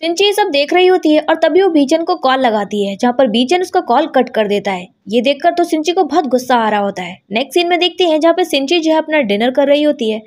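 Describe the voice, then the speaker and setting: A woman narrating a drama recap in a brisk storytelling manner, quoting each character as she goes. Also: sits high, lively intonation. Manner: brisk retelling, quoting every character in her own voice.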